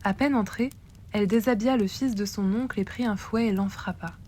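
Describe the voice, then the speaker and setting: A woman storyteller reads a classic tale aloud in a measured, expressive way. Her voice is mid-pitched and steady.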